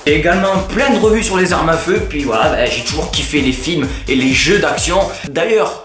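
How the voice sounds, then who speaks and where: Speaking with a Southern French accent, a teenage boy makes a casual vlog for his YouTube channel, full of jokes, self-mockery, and lively banter aimed at the camera. His voice is fairly high, and the recording sounds roomy.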